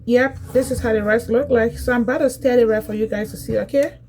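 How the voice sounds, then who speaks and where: A woman talks her viewers through a home cooking demo, chatty and repetitive. Her voice sits a little high but sounds soft and mellow. Faint hiss lies under the talk. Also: fairly even intonation, fast, poor audio. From Liberia, West Africa. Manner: chatty, repeats phrases, addresses viewers directly. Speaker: cooking vlogger. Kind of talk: casual cooking demonstration.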